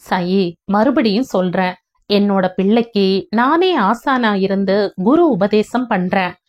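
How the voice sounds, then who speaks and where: A woman voicing a gentle young husband who calmly soothes and explains in a storybook reading. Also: medium pitch, a little slow, dull audio, natural voice. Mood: reassuring.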